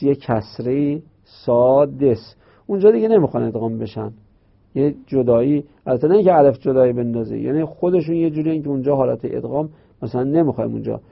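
A man delivers a grammar lesson at a middle pitch, his voice gravelly with fry. He brings the rules to life by acting out playful dialogues. The recording is dull and lo-fi. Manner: explains with playful dialogues between letters. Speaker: teacher of Arabic grammar. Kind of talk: classroom lecture.

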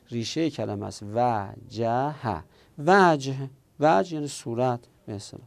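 Gravelly-voiced man teaching grammar. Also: medium pitch, a little mellow, no echo. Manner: explains step by step, asks and answers his own questions. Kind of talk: classroom grammar lesson.

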